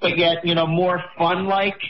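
A man's voice: high voice, level tone, measured pace, lo-fi sound. A man in his fifties co-hosting a radio advice show, chatty and joking. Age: 50s. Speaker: radio co-host.

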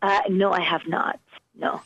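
Female phone-in caller, lo-fi line, gravelly fry, hesitant casual talk. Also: fairly low pitch, flat delivery, a little slow, a bit bright, dry recording. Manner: hesitant, tentative. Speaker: caller to a psychic radio show. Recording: dull, lo-fi phone call.

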